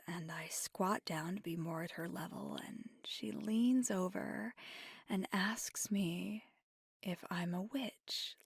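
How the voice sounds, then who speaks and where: In an ASMR roleplay, a woman voices a playful, affectionate witch girlfriend, speaking softly and breathily with gravelly fry and often slipping toward a whisper. She takes her time confiding in the listener, sounding soft and amused at a medium pitch. The performance is heavily acted, and the dry recording feels intimate.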